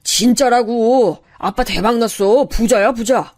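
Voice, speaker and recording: A man's voice: very high-pitched, unhurried, darkish tone, no echo. An older man voicing a doting father in an audio story, fond and boastful in a coaxing way. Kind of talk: storybook voice acting.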